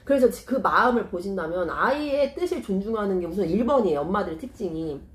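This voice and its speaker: Earnest woman, lively voice, echoey room. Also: medium pitch, fast talker. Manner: earnest, persuasive, rhetorical questions. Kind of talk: casual explanatory talk.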